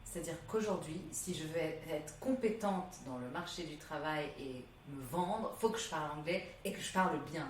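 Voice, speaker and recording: Animated English teacher, roomy distant mic. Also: female voice, deep voice, normal speed, few pauses, slight background noise. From England. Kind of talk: casual podcast interview. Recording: roomy, from off the mic, faint ambience.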